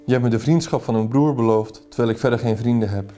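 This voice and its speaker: Guy reading as a sad young lady in love, worried, a bit higher, mellow dark tone. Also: fast talker, faint music behind, close to an everyday voice. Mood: melancholy. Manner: read aloud, slightly raised pitch.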